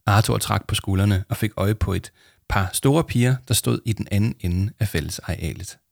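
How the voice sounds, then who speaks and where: A man calmly reading a children's book aloud as narrator. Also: on the low side, gravelly, no room sound, clean studio sound.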